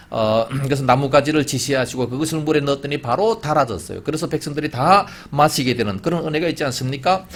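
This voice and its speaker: A man's voice: mid-range voice, husky. A man preaching a sermon as pastor, with rising and falling emphasis and questions put to the congregation. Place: church sanctuary.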